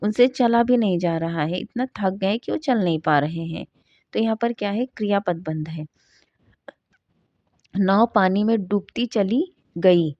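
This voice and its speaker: A woman teaching a grammar lesson, asking questions and answering them herself and slowing down to read out example sentences. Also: mid-range voice, darkish tone, no room sound. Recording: dull dry lo-fi sound.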